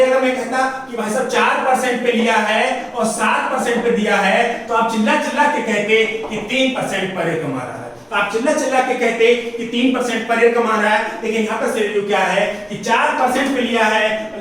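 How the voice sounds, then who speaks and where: High-voiced man teaching maths in a big echoing room. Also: fairly bright tone. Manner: repeats questions back to the class, drilling each step. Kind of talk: classroom maths lesson. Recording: roomy echo, far from the mic, faint hiss.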